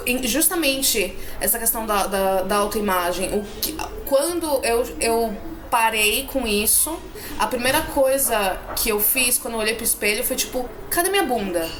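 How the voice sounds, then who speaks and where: A young woman with a Brazilian accent, a podcast guest in casual chat, candid, swearing and self-mocking. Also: a little high. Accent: Brazilian Portuguese. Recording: noisy room.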